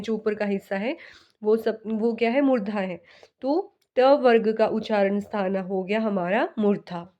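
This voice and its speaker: A woman's voice: a little high, a little mellow. A woman teaching a Hindi lesson in a classroom style. She asks a question and then answers it herself, and she drills each sound one by one.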